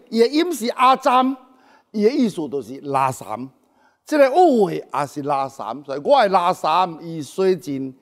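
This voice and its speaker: A man at a church gathering who sings a hymn slowly, word by word, then explains its pronunciation in a chatty way. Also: high-pitched. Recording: long hall reverb, faint instrument music.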